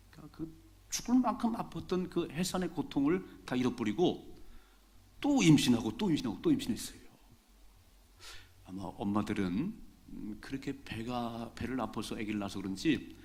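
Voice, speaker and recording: A middle-aged pastor preaches to his congregation in a relaxed, talky way, often saying a key phrase twice to drive it home. His voice sits at an ordinary pitch for a man, neither high nor low. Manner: conversational preaching, repeats key phrases for emphasis. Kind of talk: sermon. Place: church sanctuary during a Sunday service.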